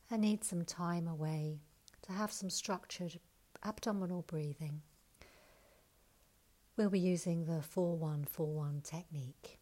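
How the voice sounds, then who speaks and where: A woman with a low, mellow voice leads a guided breathing exercise. She speaks slowly and softly, counting breaths and slipping at times into a near whisper. Her instructions are steady and unhurried. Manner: slow soothing counting instructions.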